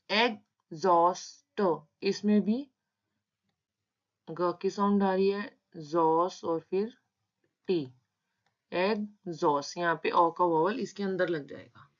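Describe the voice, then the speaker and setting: A woman teaching shorthand in a tutorial, patiently breaking words into their sounds. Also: mid-range voice. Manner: slow, patient, spelling out sounds. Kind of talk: step-by-step tutorial explanation. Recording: dull lo-fi sound.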